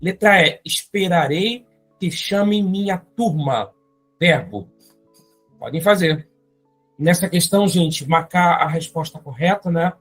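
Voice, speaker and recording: With a Brazilian Portuguese accent and a mid-range voice, a teacher goes through an exam-prep grammar lesson step by step, frequently adding quick tag questions to check in.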